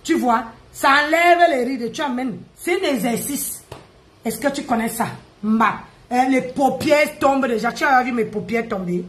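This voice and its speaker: A woman, ranting and mocking on a live stream, loud, laughing and teasing. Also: high voice, normal speed. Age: 50s. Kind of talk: Facebook live rant. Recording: echoey room.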